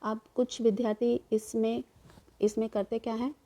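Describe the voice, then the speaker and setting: A woman's voice: fairly high pitch, little pitch movement, normal speed, dark tone. A woman teacher giving a grammar lesson, explaining step by step and asking and answering her own questions. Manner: repeats "ठीक है" to check understanding.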